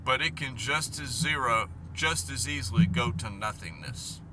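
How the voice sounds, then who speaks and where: A man vlogging in a casual, rambling, playful way, halting as he goes, with a whistling S. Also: mid-range voice. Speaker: vlog host. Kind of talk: casual rambling solo talk. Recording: noisy, car noise behind voice.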